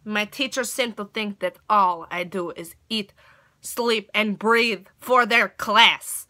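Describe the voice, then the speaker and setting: A woman's voice: sits high, no room sound. A teenage girl voicing an exasperated girl with a thick fake Russian accent, doing a comedic rant with broken grammar. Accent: put-on Russian. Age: teens. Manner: loud mock-serious ranting, broken grammar.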